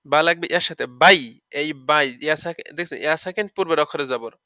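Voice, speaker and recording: A man's voice: fairly high pitch, fast talker, bright, forceful tone, smooth, no room sound, studio quality. A man teaching Quran recitation, spelling out letters one by one and stretching out the words as he recites, often checking that listeners follow. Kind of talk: tajweed lesson, explaining and demonstrating recitation.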